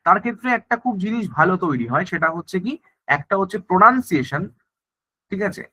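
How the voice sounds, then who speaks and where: A male teacher gives an online exam-prep lecture at a brisk clip. His voice sits high and bright. He keeps checking in with the class as he explains. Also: animated, husky. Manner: explains in mixed Bengali and English, repeats "thik ache" often.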